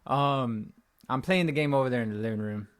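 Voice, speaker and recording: This is a post-game reaction rant from a young sports fan channel host at home, frustrated, rambling, and repeating himself while his voice cracks. His mid-range voice is clean in tone and a little fast.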